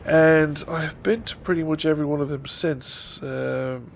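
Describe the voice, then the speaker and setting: Speaking into a desk mic on a stand, this Irish man in his fifties rambles through a laid-back vlog update, full of ums and halting moments, his nose blocked by a head cold. The voice is fairly high and gravelly, with fairly even intonation and a measured pace, over slight background noise.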